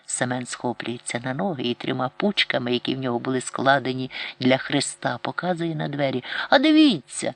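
A man narrating a literary audiobook in a measured, expressive storytelling manner. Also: medium pitch, vocal fry, no room sound.

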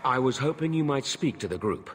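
An actor playing an earnest, stern, honorable knight in a video game, speaking formally and gravely. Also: male voice, mid-range voice, expressive, a little fast, fairly bright tone, a little hiss or hum, close to an everyday voice.

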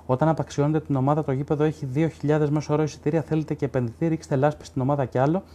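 A male sports journalist hosts a live stream, reading viewer comments aloud and bluntly arguing with them in casual commentary. His voice is on the high side, level and warm, full of fillers and restarts.

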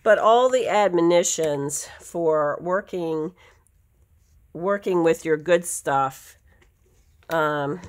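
Speaking slowly in a low voice with frequent pauses, a woman from the US demonstrates a quilting craft at her home sewing table. She sounds nasal because of allergies, and the casual tutorial drifts through rambling asides as she corrects herself along the way.

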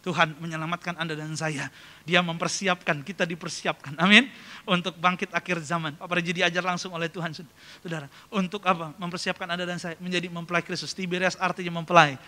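A male pastor with a high, very bright, ringing voice tells jokey stories from the pulpit. His words carry a long reverb through a large church hall. He keeps calling out to the congregation as he goes. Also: flat delivery, fairly quick. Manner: jokey storytelling, calls congregation "saudara". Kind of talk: sermon with humorous anecdotes.

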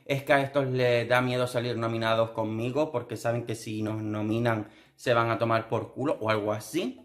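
Brief: young man from Spain, camp sarcastic reality-show commentator, theatrical asides, mid-pitched voice. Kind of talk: casual commentary vlog.

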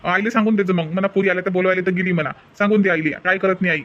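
A man voicing a hurried, flustered husband in a village cartoon. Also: sits high, fairly even intonation, highs cut off. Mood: teasing. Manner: fast and flustered. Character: hurried husband late for office.

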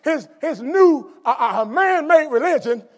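High-voiced preacher shouting in a chapel. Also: male voice, expressive, measured pace. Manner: swings from quiet explanation to shouted emphasis; stumbles and restarts often when speaking off the cuff. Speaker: guest preacher. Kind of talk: sermon. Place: college chapel auditorium, at a lectern on stage. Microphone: lectern microphone, wide camera. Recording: long hall reverb from a large chapel.

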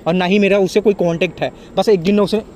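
A young man hosting a prank video, talking fast and pleading again and again with his girlfriend in a staged argument. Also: high voice, steady tone, a little mellow, a little hiss or hum. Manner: pleading, placating, repeats himself.

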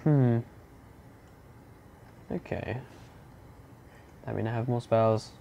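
A young man giving casual commentary while playing a game, muttering to himself and breaking into silly shouts and growls. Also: mid-range voice, drawn-out words, gravelly, muffled recording, slight background noise. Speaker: gamer playing through a game. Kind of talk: casual let's-play commentary.

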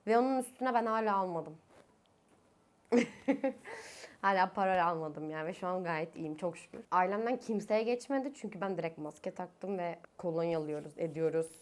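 A woman's voice: on the low side, moderate pace. Tired, coughing young woman speaking through a mask. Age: 20s. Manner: chatty, laughs often, voice rising when annoyed. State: tired, coughing, with a sore throat. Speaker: vlogger. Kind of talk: casual chat to camera. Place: her own bedroom, indoors. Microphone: speaking through a face mask.

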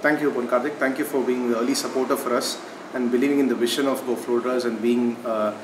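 A man asks interview questions from off camera, talking quickly and briskly. He sounds distant and echoey, with clear room noise around him. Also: mid-range voice, fairly even intonation. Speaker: interviewer, startup founder. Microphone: off-camera, away from the mic.

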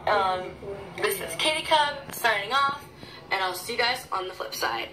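A woman chatting casually through an unboxing vlog in her small bedroom, excitable and rambling, recorded on a phone camera. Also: mid-range voice, moderate pace, over music, poor audio. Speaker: vlogger.

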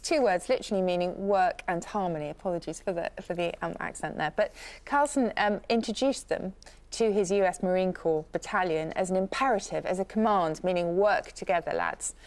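A woman's voice: fairly low pitch, fairly quick, a little mellow. A woman explaining the origins of words on a quiz show, chatty, with hesitant fillers. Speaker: word expert on a quiz show.

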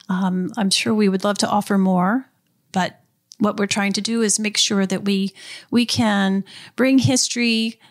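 A woman museum director speaking as a guest, explaining things earnestly in a casual interview. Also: mid-range voice. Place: house next door to a museum.

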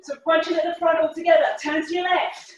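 A woman leading a workout class as a fitness instructor, calling short, energetic, encouraging cues and counts. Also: very high-pitched, fast talker, dull audio. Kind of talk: live workout class coaching. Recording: echoey room, far from the mic.

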